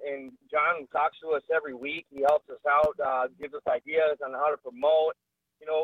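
A man's voice: a little high, no echo. A man in a band calling into a radio show on speakerphone, answering hesitantly with many ums and uhs. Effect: heard over speakerphone. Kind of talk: casual radio phone interview. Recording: tinny phone line.

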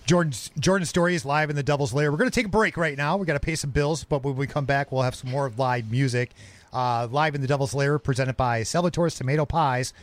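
A man's voice: mid-range voice, fast. An American man hosting a live local radio show, moving between interview chat and sponsor reads.

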